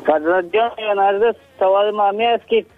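Cheerful high-voiced caller from Kunduz. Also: male voice. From Kunduz, Afghanistan. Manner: cheerful, flowery greetings. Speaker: radio caller. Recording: tinny phone line with faint music.

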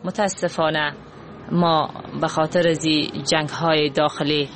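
A man's voice: on the high side, little pitch movement, fairly bright tone, slight background noise. A man with an Afghan accent speaking with concern in an interview answer.

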